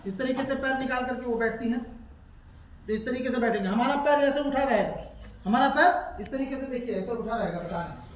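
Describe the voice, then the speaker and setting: Patient man teaching prayer, chants the prayers slowly, quizzes a student, heard from across an echoey room. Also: very high-pitched, far from the mic, slight background noise. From India. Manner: patient, repeats points, asks student questions; slow melodic chanting of prayers. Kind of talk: step-by-step prayer lesson with recitation.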